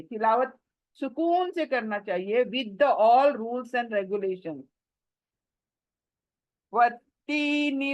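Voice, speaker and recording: A woman teaching Quran recitation rules in a patient, repeating manner, drawing out the verses in slow chanted recitation between explanations. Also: a little high, a little mellow, no room sound, highs cut off. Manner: patient, repeats and asks the listener questions. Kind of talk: tajweed lesson mixing Hindi and English.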